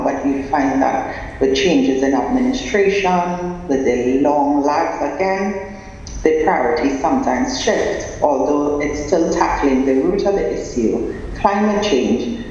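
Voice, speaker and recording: A man from Trinidad and Tobago, giving a measured, deliberate academic conference presentation. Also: mid-range voice, darkish tone, slight background noise. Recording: echoey, dull sound in a large hall.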